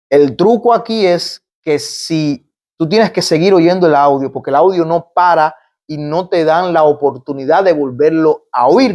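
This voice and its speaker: With a fairly high, somewhat mellow voice captured in lo-fi sound, a Cuban man with a Cuban Spanish accent talks in an interview about his work as a migrant doctor, explaining step by step with examples and repeatedly restarting phrases.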